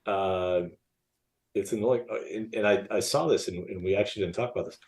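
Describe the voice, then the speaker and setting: A man with a deep, low voice co-hosts a casual live podcast. He rambles, restarts his sentences and fills his pauses as he talks things through. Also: a little mellow. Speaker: podcast co-host.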